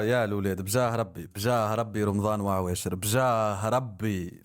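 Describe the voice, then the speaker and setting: Excitable man reacting live. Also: fairly low pitch. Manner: excitable, repetitive, mock-exasperated exclamations. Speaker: streamer reacting to a rap song. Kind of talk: live-stream reaction commentary.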